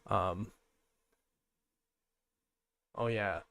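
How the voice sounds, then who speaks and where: A man's voice: on the low side, fairly even intonation, extremely slow, creaky, a bit bright, smooth, no room sound. A man hosting a podcast, talking in a loose, rambling way with many fillers and restarts. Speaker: podcast host. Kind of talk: casual podcast monologue.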